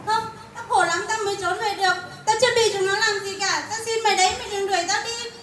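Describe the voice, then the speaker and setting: A woman's voice: very high-pitched, fairly even intonation, fast talker, a bit bright, a little hiss or hum. A woman acting a poor village wife in an amateur skit, earnest and pleading, with Hmong as her first language. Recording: roomy, from a distant mic.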